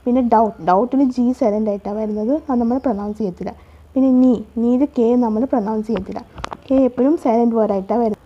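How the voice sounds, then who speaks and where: A woman's voice: a little high, fairly even intonation, fast talker, husky. A woman, a Malayalam speaker, patiently explaining an English lesson and repeating herself often. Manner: repetitive, patient explaining with restarts. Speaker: English teacher. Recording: dull, lo-fi recording.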